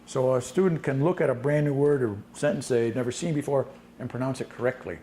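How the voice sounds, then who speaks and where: A man's voice: mid-range voice, fairly quick, dark tone. Guy teaching a language workshop, plain matter-of-fact answers, mid voice, echoey room. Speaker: language teacher presenting a session. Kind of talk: conference Q&A. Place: conference breakout room. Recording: echoey room, mic from a distance, faint noise.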